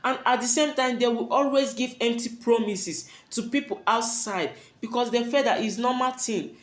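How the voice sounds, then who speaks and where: A woman's voice: a little high, moderate pace. Earnest, preachy woman, roomy sound. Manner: earnest, preachy, poses rhetorical questions and repeats warnings. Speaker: parenting advice speaker. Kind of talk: advice talk to camera. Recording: roomy echo.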